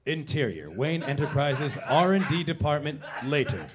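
A man's voice: fairly high pitch, sing-song, normal speed, a crowd in the background. A man reading stage directions as the narrator of a comedy script.

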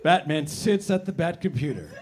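Animated man narrating a comedy script. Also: a little high, normal speed. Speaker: narrator reading stage directions.

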